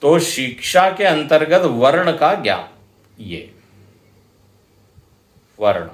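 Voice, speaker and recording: A man with an Indian accent giving a scripture lecture, explaining slowly and deliberately and chanting example verses now and then. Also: medium pitch. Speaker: spiritual teacher. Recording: roomy hall echo.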